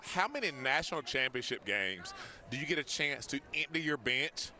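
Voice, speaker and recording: Male ex-player analyst, bright forceful voice, colloquial storyteller, live outdoor sports coverage. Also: mid-range voice, expressive, normal speed. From Wrightsville, Georgia, USA. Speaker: former football player, guest analyst. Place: outdoors at a parade.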